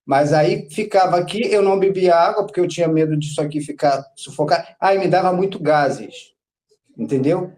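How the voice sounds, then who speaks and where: A man's voice: on the high side, normal speed, a little mellow. Rambling Brazilian man telling his story. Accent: Brazilian Portuguese. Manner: rambling, repeats filler words. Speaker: podcast guest, patient. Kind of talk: casual storytelling interview.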